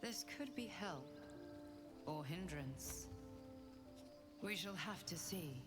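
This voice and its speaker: A wary female adventurer in a fantasy game. She speaks slowly and deliberately in a low register beneath a loud musical score. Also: animated, over loud music. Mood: wary, musing.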